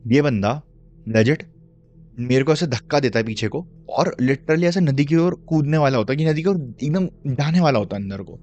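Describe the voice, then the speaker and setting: A man's voice: medium pitch, lively intonation, moderate pace, a little mellow. A young man telling a true horror story in a casual, chatty way, mixing in English slang and turning to the listener with asides. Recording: dull lo-fi recording.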